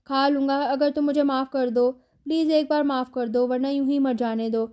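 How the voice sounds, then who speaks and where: A woman's voice: sits high, steady tone, mellow, natural voice. A woman voicing a remorseful young husband who begs forgiveness, in a novel read aloud. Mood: bitter. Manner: self-pitying, pleading.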